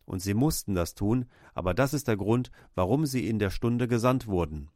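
A man's voice: fairly low pitch, expressive, normal speed, darkish tone, no room sound, clean studio sound. A man preaching a sermon with emphatic, repeated exclamations.

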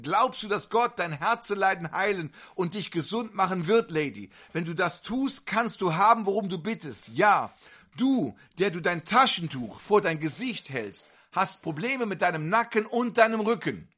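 A man's voice: high voice, expressive, moderate pace, pushed and bright. A man preaching at a faith-healing service, fervently questioning individual listeners one after another. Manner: fervent, insistent.

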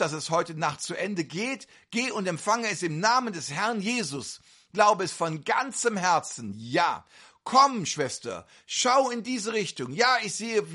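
Bright, lively-voiced preaching man. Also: high voice, husky. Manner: directly questions individual listeners; fervent, insistent. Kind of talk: faith-healing sermon.

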